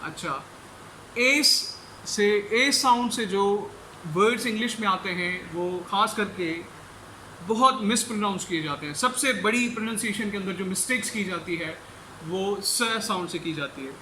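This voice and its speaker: A man teaching English pronunciation, explaining in Urdu and repeating each English word slowly to demonstrate it. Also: sits high, sharp tone, echoey room, slight background noise, poor audio. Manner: switches between Urdu explanation and English examples. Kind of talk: pronunciation lecture.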